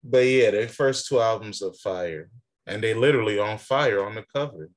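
A man's voice: on the low side, normal speed. A young man co-hosting a podcast, arguing his point in casual, profane talk and cutting in over his partner. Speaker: podcast co-host. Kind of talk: casual debate about rap.

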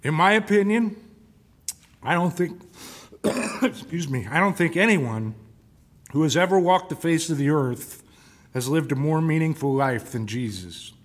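Conversational male preacher, slightly high voice. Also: lively intonation, a little slow, pauses often. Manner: conversational, asks the congregation questions. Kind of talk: sermon.

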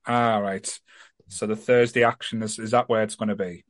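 A man's voice: on the low side, flat delivery, moderate pace, no echo. Man, podcast host, rambling jokey chat, dry close sound. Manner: rambling, joking, self-deprecating. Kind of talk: casual chat.

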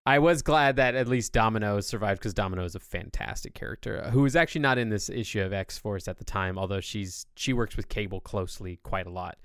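A man's voice: fairly low pitch, fairly quick, hardly any pauses, fairly bright tone, smooth, no room sound, studio quality. A man hosting a podcast, explaining things at length in a casual, enthusiastic way. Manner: long-winded enthusiastic explaining. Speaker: podcast host. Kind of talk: casual chat.

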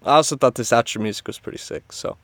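A man's voice: mid-range voice, fast talker, a bit bright, dry recording. A man in his twenties hosting a podcast, recorded inside a closet, talking casually without a script and rambling as he thinks aloud. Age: 20s. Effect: close, muffled closet sound. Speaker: podcast host. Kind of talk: unscripted podcast trailer monologue.

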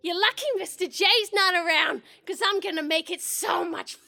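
Murderous henchwoman, piercingly shrill and creaky, unhinged, menacing, audio drama shrieking. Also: moderate pace, pushed and bright, a little hiss or hum, heavily acted. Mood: gleeful rage. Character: manic, murderous young female villain, lovesick henchwoman. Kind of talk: theatrical audio drama acting.

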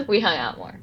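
A woman's voice: pushed and bright, muffled recording, slight background noise. A nineteen-year-old woman from California, telling stories on a casual podcast with detours and self-corrections. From Los Angeles, California. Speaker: podcast co-host. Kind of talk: casual storytelling chat.

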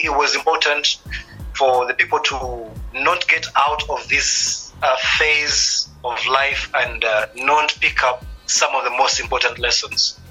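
A man, a musician guest speaking thoughtfully, with many pauses, in a radio interview. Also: medium pitch, pushed and bright, poor audio. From East Africa. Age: 30s.

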